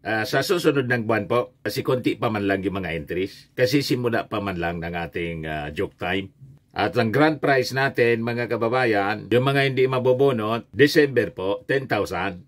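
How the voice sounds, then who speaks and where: A man's voice: on the low side, normal speed. A middle-aged man hosting a vlog, chatting about the news and telling jokes in a casual way that often breaks into laughter. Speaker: vlog host.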